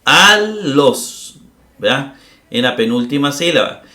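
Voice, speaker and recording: A man's voice: medium pitch, measured pace, fairly bright tone. Patient man teaching grammar in a roomy space. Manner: patient, explains step by step with frequent "verdad?" and "eh". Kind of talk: recorded grammar lesson.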